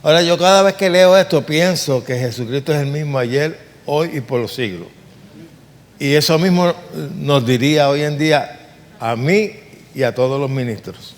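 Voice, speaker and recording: A man's voice: fairly high pitch, normal speed, in a large hall. A man preaching a sermon in an earnest, emphatic way, asking rhetorical questions.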